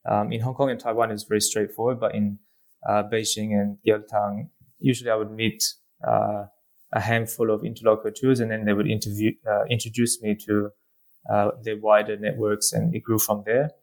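A man's voice: fairly low pitch, level tone, moderate pace, gravelly. An Australian man in his thirties, a lecturer answering interview questions as a guest, with many ums and uhs.

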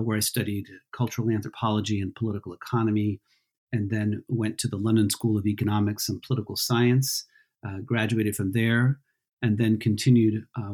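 Male academic guest from Peru, husky low voice, thoughtful and halting. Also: darkish tone. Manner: thoughtful, many ums and restarts. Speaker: author and historian guest. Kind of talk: casual interview answers.

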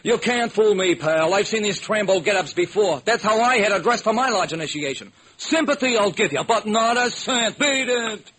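A man's voice: high-pitched, animated, moderate pace, hardly any pauses, fairly bright tone, a little hiss or hum, voice pushed up, low-quality recording. A man plays a streetwise tough guy with a raised, pushy voice. He sounds brusque and wisecracking throughout. It is classic old radio drama delivery. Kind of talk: 1940s radio acting.

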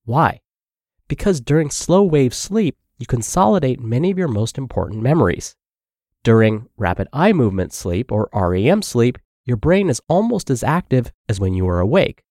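A man's voice: medium pitch, very animated, moderate pace, darkish tone, dry recording, studio quality. A man hosting a health podcast with a congested voice, upbeat as he reads a blog article aloud. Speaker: podcast host and narrator.

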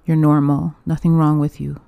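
A woman's voice: low voice, flat delivery, normal speed, gravelly, dark tone, no room sound. A young woman hosting a podcast alone, talking candidly and chattily, swearing freely and laughing often. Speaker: podcast host. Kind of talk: casual solo podcast monologue.

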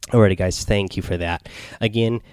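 A man hosting a casual gaming podcast in a quiet, subdued late-night manner, rambling and hesitant as he goes. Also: fairly low pitch, steady tone, moderate pace, dry recording, clean studio sound. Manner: quiet, subdued late-night delivery, holding back so as not to wake others. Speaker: solo podcast host. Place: small home recording space near bedrooms.

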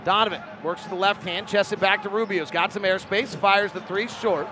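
A man doing live play-by-play for a basketball broadcast, rattling off short clipped calls and rising to shouts on big plays. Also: high voice, fairly even intonation, a little fast, background noise. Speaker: play-by-play commentator.

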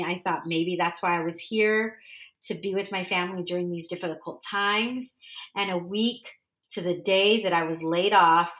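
In a casual solo monologue, a woman hosting a podcast from San Diego, California rambles earnestly and keeps correcting herself. Her voice is fairly low and a bit bright, captured with reverb and poor audio.

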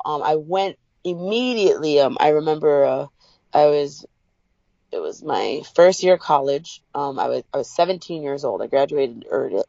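A young adult woman as an interview guest, telling a personal story with upbeat energy and lively quoted voices. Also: no echo, dull audio. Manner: upbeat storyteller, acts out quotes with big pitch jumps.

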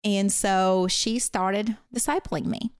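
A woman from Latvia, speaking English as a later language with a Latvian accent, tells stories casually as a guest, rambling with frequent fillers and apologetic laughs. Her medium-pitched voice is clear and resonant, with a steady tone, and she takes it slowly. Studio quality, no echo.

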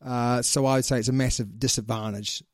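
A man's voice: mid-range voice, steady tone, brisk, no room sound, studio quality. A man with a New Zealand accent hosting a casual sports podcast, chatting in a slangy, teasing way. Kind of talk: casual chat.

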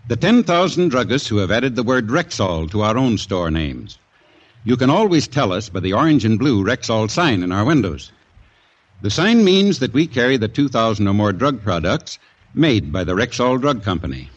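An earnest male spokesman reads a sponsor message the way a 1940s radio commercial did. His pitch rises and falls freely. The sound is dull and lo-fi, like an old radio broadcast. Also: big pitch swings, moderate pace.

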